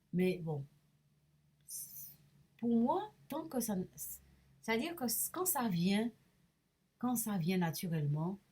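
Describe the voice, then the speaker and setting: A middle-aged woman telling about her experiences in a rambling personal vlog, hesitant and full of restarts, sometimes dropping to a soft murmur. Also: deep voice, breathy edge. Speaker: medium vlogger. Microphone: camera mic.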